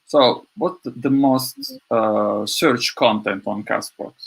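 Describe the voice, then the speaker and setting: Gravelly-voiced man asking halting questions. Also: medium pitch, rough recording. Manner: hesitant, rephrasing his questions. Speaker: podcast host. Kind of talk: interview questions.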